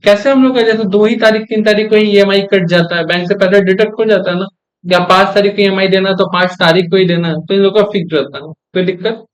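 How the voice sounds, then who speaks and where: High-voiced male teacher quizzing his class. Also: steady tone, fast. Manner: asks the class frequent check questions; repeats key terms for emphasis. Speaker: commerce teacher. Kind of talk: classroom lecture.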